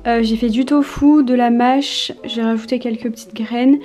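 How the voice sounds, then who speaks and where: A woman's voice: on the high side, steady tone, normal speed, warm tone. A young woman in her twenties from France, chatting casually to camera in a vlog at home, with many hesitations and fillers. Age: 20s. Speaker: vlogger. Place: indoors at home. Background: background music.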